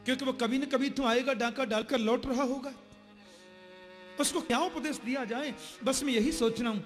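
A man preaching a Hindi devotional story sermon, acting out the characters' dialogue with changing pitch and loudness. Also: moderate pace, faint music behind.

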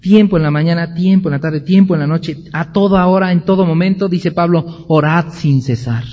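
A man's voice: fairly high pitch, mellow, a little hiss or hum. A man teaching a Bible class, emphatic and full of rhetorical questions. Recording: dull recording with long hall reverb.

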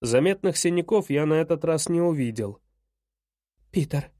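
A man narrating a first-person audiobook in a measured, even way. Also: on the high side, dry recording, studio quality.

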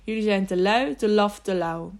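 A woman's voice: medium pitch, moderate pace, lightly acted. A woman reading the part of a fiery, rebellious grown man in an audiobook, with a scornful, urgent delivery. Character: rebellious adult male townsman, fiery.

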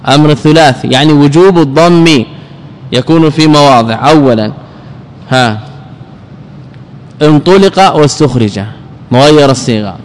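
A man's voice: fairly high pitch, big-room sound. A man, a sheikh teaching grammar, who explains the rules step by step, repeats his example words and prompts his listeners with questions. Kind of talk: lesson.

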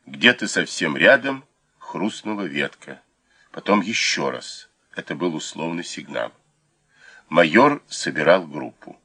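Male audiobook narrator, very deep but bright, lively delivery. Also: husky. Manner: expressive, measured storytelling.

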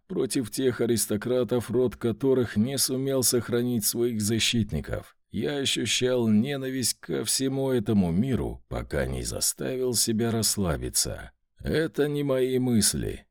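Male narrator, dramatic, lively melody, dry close sound. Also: medium pitch, a little slow, few pauses, no echo. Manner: expressive, dramatic storytelling. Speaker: audiobook narrator. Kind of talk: scripted fantasy audiobook narration.

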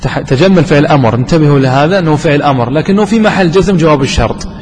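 A man teaching a classroom grammar lesson, quizzing his students and repeating examples slowly. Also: on the high side, animated, darkish tone. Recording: long hall reverb, faint background noise.

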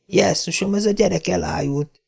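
Read by a man in a somewhat raised, quieter voice, a stern older woman scolds briskly. The sound is dark and gravelly, suited to a storybook guardian. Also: high voice, voice pushed up, exaggerated voice. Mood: scolding.

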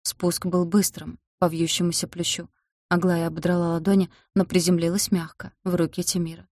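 A woman narrating a story in a steady audiobook reading. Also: fairly low pitch, normal speed, no echo, clean studio sound.

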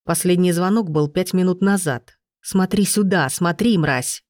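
A woman reading the part of an enraged, powerful man who speaks low and threateningly. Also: measured pace, a little mellow, no echo, clean studio sound, natural voice. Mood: furious.

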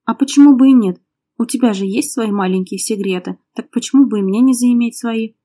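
A woman's voice: fairly high pitch, a little fast, close to an everyday voice. Woman reading as a defiant young woman. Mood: heated. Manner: sharp, defiant, pleading.

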